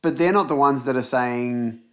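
A man in a relaxed conversation, speaking at an easy mid pitch. He swears casually and keeps pressing his friend with questions. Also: moderate pace. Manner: laid-back, swears, questioning. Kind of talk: casual chat.

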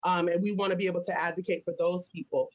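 A woman's voice: on the low side, level tone, fast talker. A woman answering interview questions conversationally as a public health guest, candid and given to chuckling. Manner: candid, chuckles between phrases.

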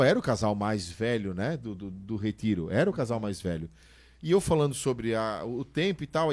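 A man, an animated storyteller who laughs often while telling stories in casual podcast chat. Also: mid-range voice. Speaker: church musician on a podcast.

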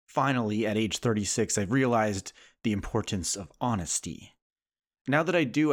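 A man's voice: medium pitch, fairly bright tone, lightly acted. A man reading as a sarcastic sitcom guy turned earnest. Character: sarcastic adult male sitcom character writing an earnest letter. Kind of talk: poem reading in character.

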